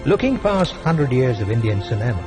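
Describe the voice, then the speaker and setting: A man reads a scripted documentary narration in a measured, formal voice. Music plays clearly underneath. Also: mid-range voice, very animated.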